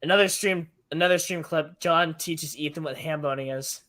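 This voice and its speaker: A man from Texas co-hosting a casual sports commentary stream, excitable and playfully scolding his partner. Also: fairly high pitch, normal speed. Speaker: co-host and commentator.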